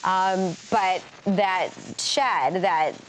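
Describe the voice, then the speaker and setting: Female weather presenter, live commentary, chatty, informal, lowish pitch. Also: very slow, a little hiss or hum. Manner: chatty, informal, thinking aloud.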